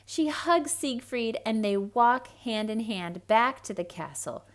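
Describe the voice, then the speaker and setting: Reading a storybook to kids in a somewhat high voice and at a slightly slow pace, a woman brings it to life theatrically and leans in with hushed asides to the children.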